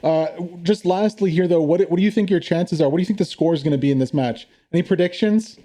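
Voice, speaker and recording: A man's voice: on the high side, fast, warm tone. A man hosting a casual interview with esports team commanders, friendly and talkative with many fillers.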